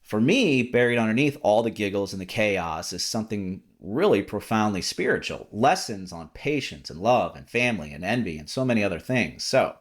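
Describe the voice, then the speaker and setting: Low-voiced rambling male podcast host. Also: normal speed, few pauses. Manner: rambling, with many fillers and repeated words; relaxed and talkative. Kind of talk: casual chat.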